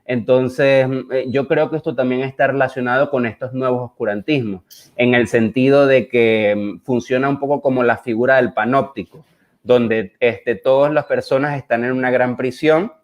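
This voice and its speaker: A man's voice: mid-range voice, steady tone, normal speed. A man with a Caribbean Spanish accent talking reflectively as a visual artist, hesitant and often searching for words. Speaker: visual artist presenting his work. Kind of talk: reflective conversational talk. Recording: dull, lo-fi online audio.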